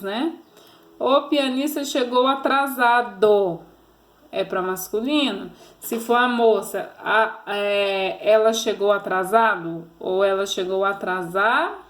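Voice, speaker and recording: A woman teacher with a Brazilian Portuguese accent walks young pupils through a grammar lesson. Her voice sits a little high, and she talks patiently, coaxing answers with leading questions. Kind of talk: recorded grammar lesson for children.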